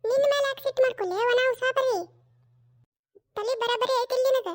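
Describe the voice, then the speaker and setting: A performer voicing a stubborn, scolding older mother-in-law in a cartoon, speaking with a North Karnataka Kannada accent and drawn-out retorts. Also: extremely high pitch, steady tone. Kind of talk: cartoon voice acting.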